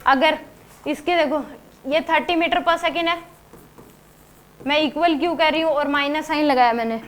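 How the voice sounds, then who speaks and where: A woman with a high voice gives a classroom physics lecture. She works through the problem step by step, keeps asking her students rhetorical questions, and slows down on the key terms. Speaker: physics teacher.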